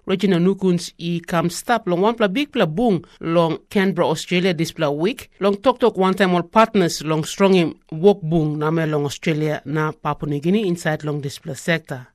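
A man's voice: on the high side, moderate pace, hardly any pauses, no echo, studio quality. A male radio presenter with a Melanesian accent reading scripted news in Pidgin.

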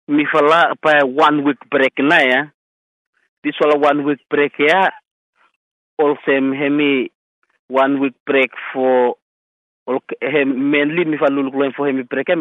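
A man's voice: on the high side, no echo. Solomon Islands Pidgin man, tinny phone line. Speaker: school health committee chairman being interviewed. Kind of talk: radio news interview.

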